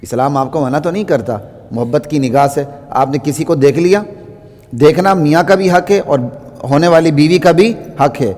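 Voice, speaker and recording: Preacher with a long hall echo. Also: male voice, a little high, a little mellow. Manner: slow, emphatic repetition of phrases. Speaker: Friday preacher. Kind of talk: Friday sermon.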